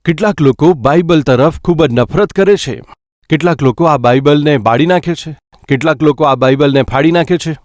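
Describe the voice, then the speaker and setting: A man's voice: a little high, darkish tone, no room sound, clean studio sound. A male pastor preaching a sermon, speaking straight to his listeners with questions. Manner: addressing listeners directly with questions.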